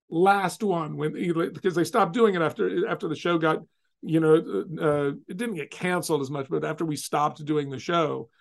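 A middle-aged man from California telling a personal story in casual talk, animated and acting out the voices of others. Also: on the high side, vocal fry. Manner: animated, acts out quoted voices.

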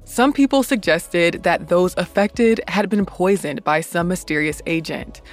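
A woman hosting a podcast reads scripted history in a measured, deliberate way, sounding muffled as if recorded in a closet. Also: lowish voice. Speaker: podcast host. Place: small home closet. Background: music.

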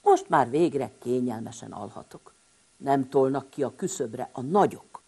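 A woman voicing the youngest little boy hedgehog in a storybook tale, loud and exclaiming, with a husky voice. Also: very deep voice, expressive, full character voice. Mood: contented.

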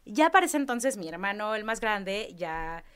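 A young Mexican woman telling a personal story in a casual chat, animated, acting out voices and screams. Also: mid-range voice, normal speed, clear, resonant tone. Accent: Mexican Spanish. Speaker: podcast guest.

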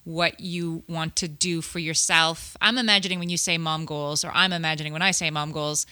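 A woman's voice: sits low, fairly even intonation, moderate pace, sharp tone, dry recording. A woman chatting casually as a podcast co-host. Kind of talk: casual chat.

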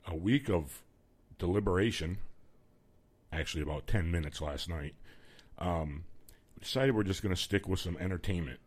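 An American man with a booming voice hosting casual live radio, chatting in an easygoing, joking way. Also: normal speed, husky. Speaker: radio host. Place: small local radio studio. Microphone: studio broadcast microphone.

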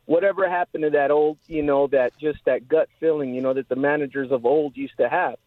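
A man's voice: on the high side, steady tone, brisk, dry recording. Man calling in over a tinny phone. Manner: rambling, leans on "you know". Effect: heard over a phone line. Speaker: radio call-in caller. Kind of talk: casual call-in chat.

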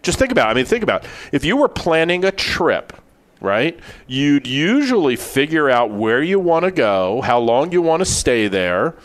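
A man's voice: on the high side, very animated, normal speed. A man co-hosting a financial radio show, talking emphatically and repeating key words for stress. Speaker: financial advisor co-host.

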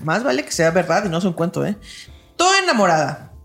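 A man's voice: sits high, sing-song, fast, creaky, fairly bright tone, echoey room, faint music behind. Joking man reading a letter. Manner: joking, laughs often. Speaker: podcast host. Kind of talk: comedic podcast banter, reading a listener letter.

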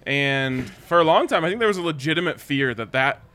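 A man's voice: fairly high pitch, expressive, fairly quick, bright, forceful tone. A man hosting and moderating a casual sports discussion, addressing viewers and panelists directly.

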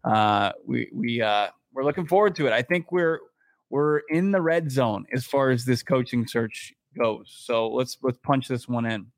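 A man's voice: mid-range voice, measured pace, dry recording, clean studio sound. A man co-hosting a sports podcast, chatting casually and thinking aloud with frequent restarts. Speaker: podcast co-host.

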